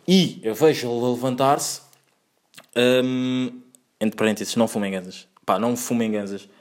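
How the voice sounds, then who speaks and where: A man's voice: medium pitch, fairly even intonation, moderate pace. A young man with a European Portuguese accent telling a casual storytime, rambling, slang-heavy and full of self-corrections and fillers. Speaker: vlogger.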